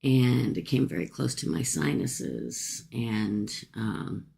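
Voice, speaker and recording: A low-voiced woman hosts a casual livestream. Her speech has a gravelly fry, and she talks through a swollen, sore jaw. She is folksy and chatty, wandering from one aside to the next as she addresses her viewers. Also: takes it slowly, warm tone. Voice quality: speaking with a swollen jaw and cheek after a tooth extraction. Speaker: livestream host offering paid psychic-style readings.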